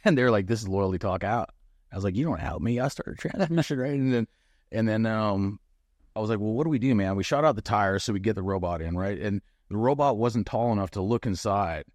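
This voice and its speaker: A middle-aged man with a very low voice tells a story bluntly and with plenty of swearing. He sounds animated and frank, like a former military chief talking with a friend. The recording is dry and close. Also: a little fast, no echo. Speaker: guest, former bomb disposal chief. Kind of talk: casual storytelling conversation.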